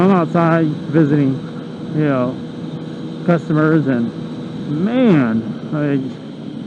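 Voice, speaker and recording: A middle-aged American man rambling casually to himself in a motovlog, talking from inside a motorcycle helmet. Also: on the high side. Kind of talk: casual rambling vlog monologue. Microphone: helmet microphone. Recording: muffled helmet mic, loud road and engine noise. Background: vehicle and wind noise.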